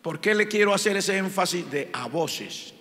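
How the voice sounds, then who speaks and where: A man's voice: sits high, animated, moderate pace, fairly bright tone. A man with a Colombian accent preaching a sermon as pastor, impassioned and emphatic, driving points home by repetition. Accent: Colombian Spanish. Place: church sanctuary. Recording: long church reverb.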